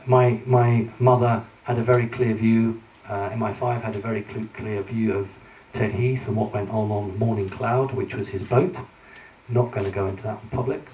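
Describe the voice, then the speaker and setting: Man, conference speaker, mellow tone, hesitant fillers, recorded from a distance in an echoey hall. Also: medium pitch, a little hiss or hum. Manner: earnest, hesitant with frequent fillers. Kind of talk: conference lecture with slides.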